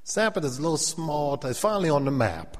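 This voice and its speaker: A man's voice: on the high side, very animated, quick pace. A middle-aged man with a South Carolina Gullah Geechee accent preaches in an anecdotal, humorous way, repeating phrases and calling for amens. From South Carolina, United States. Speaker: preacher, church elder. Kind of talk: sermon to a congregation, humorous and anecdotal. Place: large indoor hall, speaking to an audience. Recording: echoey hall with long reverb.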